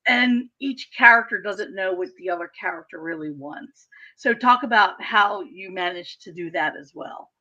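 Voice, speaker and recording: A woman's voice: mid-range voice, normal speed, bright, forceful tone, lo-fi sound. A woman host who asks chatty, hesitant interview questions full of ums.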